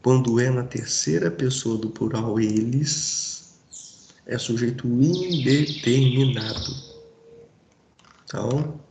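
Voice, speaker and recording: A man's voice: mid-range voice, takes it slowly, vocal fry, pauses often, roomy sound, noisy background. A man teaching a Portuguese grammar lesson in a casual, informal way, checking in with his students often. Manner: informal, addresses students directly with frequent checks.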